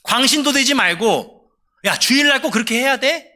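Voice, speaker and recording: A man's voice: very high voice, animated, moderate pace, sharp tone, voice pushed up, exaggerated voice. A man voicing a scoffing acquaintance who mocks a believer's zeal in a needling, sarcastic way, as a sermon example. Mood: mocking.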